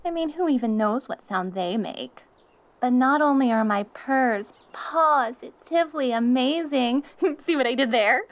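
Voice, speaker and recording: A jealous catgirl, with a very high, animated voice. She is possessive and smug, switching between syrupy sweet talk to her darling and catty bickering in an anime-style audio role-play. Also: measured pace. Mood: boastful, cutesy.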